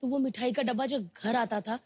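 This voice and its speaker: Animated woman telling her story. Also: on the high side, brisk, a little hiss or hum. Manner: candid, animated, acts out quoted voices. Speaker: guest. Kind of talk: emotional personal storytelling.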